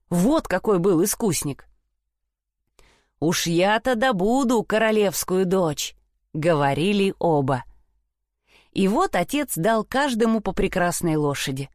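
A woman narrating a fairy tale in an expressive, playful storybook reading. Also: medium pitch, dry recording, studio quality.

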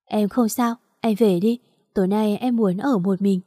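A woman voicing a meek young schoolteacher who speaks softly and deferentially. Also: mid-range voice, unhurried, no room sound, studio quality, lightly acted. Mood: hurt. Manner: soft and deferential.

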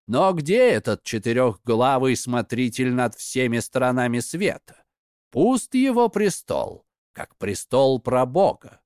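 Slow, expressive male storyteller. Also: mid-range voice, no room sound, studio quality. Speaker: narrator. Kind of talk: storybook narration.

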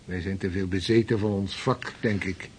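In a radio play, a male actor voices an eager, seasoned Dutch sea captain who speaks heartily and decisively. His voice is low and breathy-edged, with fairly even intonation at a moderate pace.

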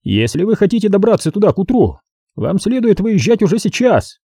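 A man's voice: sits high, sing-song, mellow, husky, no room sound, clean studio sound, pitched above the performer's own voice, exaggerated voice. A man reading an audiobook voices a polite, watchful male police constable. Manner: polite, measured.

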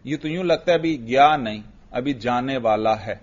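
A man's voice: mid-range voice, highs cut off. A man teaching a grammar class, patiently questioning students and praising their answers.

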